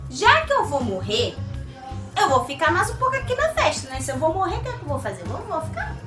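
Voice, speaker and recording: A young woman from Brazil, a vlogger telling a comic story in a lively, dramatic way. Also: very high-pitched, fast talker. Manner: animated, dramatic, swings into put-on voices and sung bits. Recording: echoey room with faint music.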